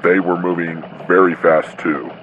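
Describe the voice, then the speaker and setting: A man's voice: sits low, level tone, measured pace. A man playing a matter-of-fact Christmas elf correspondent, calling in a scripted radio report over a phone-like line. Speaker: field correspondent. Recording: tinny phone-like radio line, faint noise.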